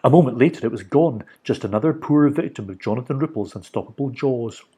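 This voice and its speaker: A man reading a children's storybook aloud for a library, animated and expressive. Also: mid-range voice, a little fast, husky. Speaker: library reader.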